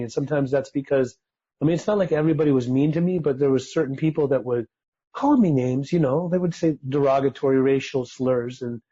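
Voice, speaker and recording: A man's voice: medium pitch, dark tone, husky, dull audio. A man whose first languages were Persian and German, raised in Utah, earnestly telling his life story as a podcast guest. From United States (Utah).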